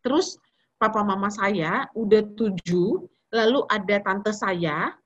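Husky-voiced woman in her fifties preaching. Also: medium pitch, slow pace, muffled recording. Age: 50s. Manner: chatty, mixes slang and English words. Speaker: preacher speaking to young people. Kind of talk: casual sermon with personal stories.

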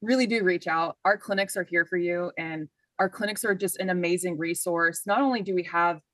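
A woman's voice: fairly low pitch, brisk, a bit bright, no room sound. A woman answering as an expert interview guest, explaining in an earnest, encouraging way. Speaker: guest, mental health clinician.

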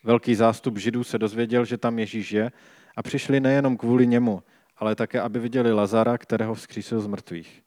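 A man gives a calm, measured reading of scripture and then reflects on it like a preacher. His voice sits at an ordinary pitch. The sound is dry and close, with no room echo.

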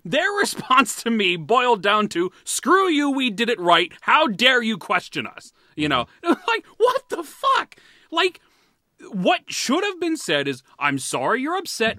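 Male podcast host, high lively voice, profane and heated, laughs a lot. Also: dry recording, clean studio sound. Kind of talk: casual podcast chat.

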